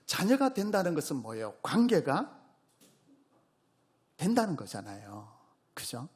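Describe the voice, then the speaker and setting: A male pastor with a Gyeongsang accent preaching a sermon, questioning his congregation and rising to loud exclamations. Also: fairly high pitch, huge pitch swings, unhurried, breathy edge. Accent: Gyeongsang Korean. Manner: call-and-response preaching, asks the congregation questions.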